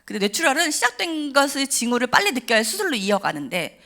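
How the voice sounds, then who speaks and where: A woman telling an emotional personal story at a church service, animated and acting out the voices of the people in it. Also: high voice, fast. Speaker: testimony speaker at a church service. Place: church sanctuary.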